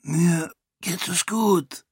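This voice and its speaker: A man voicing a young exiled prince who is in pain, speaking tensely and with strain, higher than his narration. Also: a little slow, no room sound, studio quality, natural voice. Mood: hoarse.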